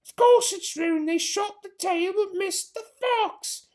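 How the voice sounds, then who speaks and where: A reader voicing a bossy farmer's wife who barks orders from upstairs, sharp and scolding. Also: female voice, very high voice, slow pace, voice pushed up. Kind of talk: storybook read-aloud.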